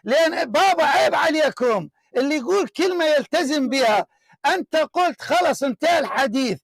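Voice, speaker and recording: A man hosting a heated religious debate, confrontational and repeating his demands, often shouting. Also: very high voice, expressive, fairly quick, gravelly, dry recording. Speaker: debate show host.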